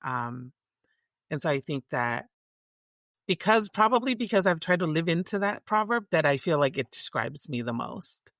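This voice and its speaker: A woman's voice: low-pitched, lively intonation, moderate pace, a bit bright, no room sound, clean studio sound. A middle-aged woman from Tonga, a guest in a casual interview, talking reflectively with many restarts and fillers.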